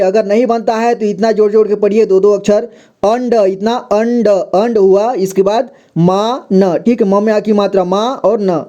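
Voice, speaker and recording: A man's voice: sits high, warm tone. A man teaching children to read, saying each word twice and breaking it down sound by sound in a patient step-by-step lesson. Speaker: Hindi reading teacher. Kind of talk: slow spelling-out reading lesson.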